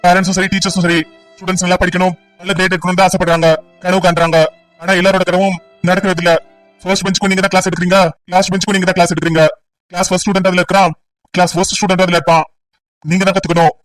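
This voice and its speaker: A man playing a stern police officer and father in an amateur audio drama, brisk and lecturing. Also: sits high, little pitch movement, fairly bright tone, distant mic, faint music behind, low-quality recording. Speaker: police officer leading an enquiry.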